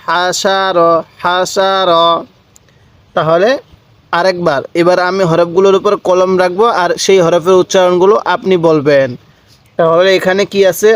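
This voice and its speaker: A man's voice: high voice, dry recording. A man teaching Quran reading, spelling words out syllable by syllable and prompting the viewer to repeat after him. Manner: slow, drawn-out syllable-by-syllable spelling. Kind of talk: step-by-step recitation lesson.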